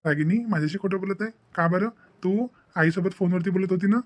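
In a cartoon family drama, a man gives voice to a devoted young husband who lectures earnestly, using questioning tags and a Maharashtrian Marathi accent. The voice is high and fairly quick, with an insistent, caring mood.

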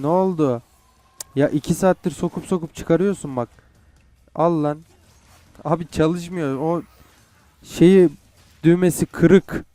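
Young guy cursing thru a game, slow talker, dark smooth voice, dry sound. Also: on the high side, no room sound. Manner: frustrated, swearing, talking to the game. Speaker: gamer. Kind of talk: gameplay commentary.

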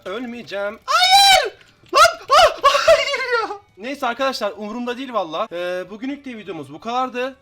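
Excitable teenage boy, high bright voice. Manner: excitable, swears and shouts at opponents. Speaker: gaming YouTuber. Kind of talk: casual gameplay commentary.

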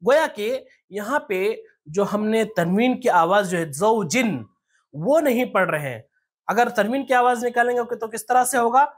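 A patient teacher works through the lesson step by step. The voice sits at an ordinary middle pitch. The teacher often stops to ask questions and draws out letter sounds slowly, syllable by syllable. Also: animated. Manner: patient, explains step by step and asks rhetorical questions. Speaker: Quran recitation teacher. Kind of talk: tajweed lesson.

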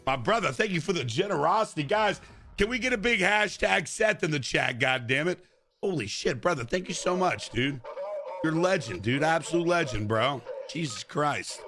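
A man with a slightly high voice streams video games over music. He talks like a brash frat bro, animated and peppering everything with profanity. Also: moderate pace. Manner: brash frat-bro talk, constant swearing. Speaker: video game livestream host. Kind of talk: livestream gaming chat and commentary.

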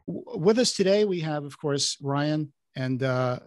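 A man in his thirties from Portugal hosting a podcast over a headset, halting with many fillers. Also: on the high side, lively intonation, soft background music. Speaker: podcast host. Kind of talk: casual video-call chat. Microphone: headset over video call.

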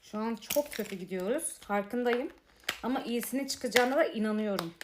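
A woman's voice: on the high side, animated, moderate pace, heavy background noise. A woman chatting casually to viewers as she unboxes toys, grumbling and exasperated at what she gets. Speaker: unboxing vlogger. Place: apartment room.

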